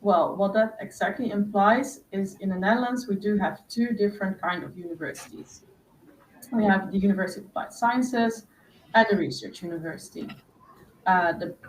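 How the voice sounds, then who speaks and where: A woman's voice: medium pitch, recorded from a distance. A woman hosts an online webinar, walking listeners through information at an easy explanatory pace with plenty of "uh"s and "um"s. Her voice sits in a middle register and comes through a video call from a little away from the mic. The sound is roomy with a faint hiss behind it. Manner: explanatory, many fillers. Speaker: host. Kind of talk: webinar presentation.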